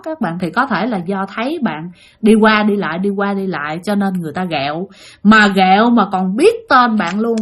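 A woman with a Southern Vietnamese accent telling a ghost story, talking straight to her listeners in an animated way. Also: medium pitch. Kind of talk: spoken ghost story narration.

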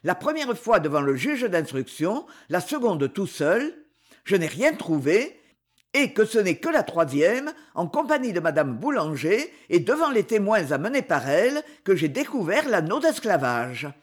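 A reader voicing a young male reporter who makes ringing, forceful accusations in court. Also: sits high, big pitch swings, measured pace, heavily acted. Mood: accusing.

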